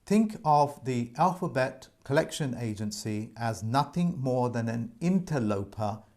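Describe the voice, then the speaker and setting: Calling his audience folks, a man gives informal debt advice straight to viewers, circling back to his points with earnest insistence. His medium-pitched voice is animated and a little mellow, sitting at mid height and moving a lot, and he speaks a little slowly.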